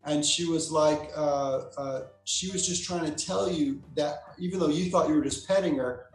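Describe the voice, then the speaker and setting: Male therapist guest, slightly high voice, echoey room, chatty storytelling. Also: moderate pace, soft background music. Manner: relaxed anecdotal explaining, acts out quoted lines. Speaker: psychotherapist guest. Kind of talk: interview answer, storytelling. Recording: roomy echo.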